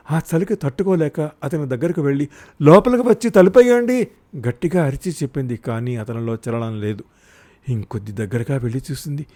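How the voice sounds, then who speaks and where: A man's voice: medium pitch, mellow. A man narrating a written short story aloud, reading expressively and lifting his voice for the characters' cries.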